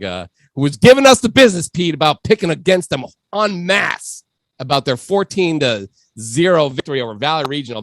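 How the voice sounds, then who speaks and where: A man's voice: mid-range voice, a bit bright. A man co-hosting a sports podcast, telling stories in a casual chat and laughing often. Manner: laughs through his storytelling. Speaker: podcast co-host.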